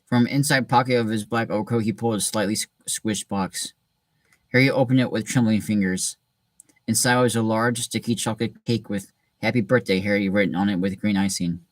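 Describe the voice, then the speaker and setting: A man hosting a reading session and reading a story aloud in a relaxed way, with frequent restarts. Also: on the low side, a little fast, no room sound. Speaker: host reading a book aloud. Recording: distant mic in a dry room.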